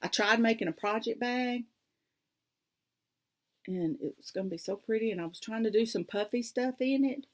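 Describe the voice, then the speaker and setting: A woman's voice: on the high side, moderate pace, long pauses. A woman hosting a casual crafting vlog, rambling and easily sidetracked, with many fillers. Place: home craft room.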